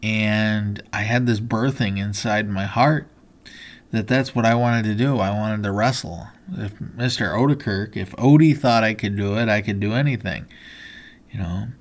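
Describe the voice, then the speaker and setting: Man, podcast host, low voice, earnest personal storytelling, lots of "you know" fillers. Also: normal speed.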